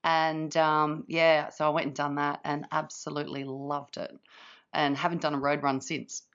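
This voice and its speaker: A hoarse woman, chatting as a guest about running, laughing often and using many fillers. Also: deep voice, level tone, moderate pace, lo-fi sound. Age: late 40s. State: hoarse from yelling. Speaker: guest ultra runner. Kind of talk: casual chat.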